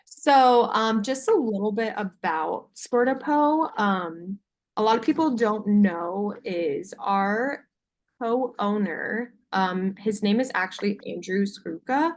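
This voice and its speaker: A young woman speaks as a salesperson on a video call, with a medium-pitched voice. Her delivery is informal and slightly hesitant, as she presents to a buyer. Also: takes it slowly. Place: video call with screen sharing.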